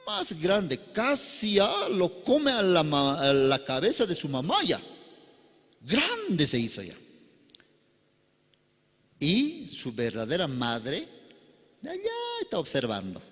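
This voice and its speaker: A man preaching a sermon, telling a parable dramatically, with sudden loud outbursts and quiet drops. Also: a little high, wildly swooping pitch, slow pace, long pauses, long reverb tail. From Bolivia. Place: church service.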